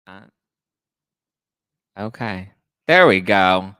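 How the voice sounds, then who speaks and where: A man's voice: low-pitched, animated, drawn-out words, pushed and bright, clear, resonant tone, no echo, clean studio sound. A man hosting a pop culture podcast in an upbeat, teasing, gossipy chat. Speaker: podcast host. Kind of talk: casual chat.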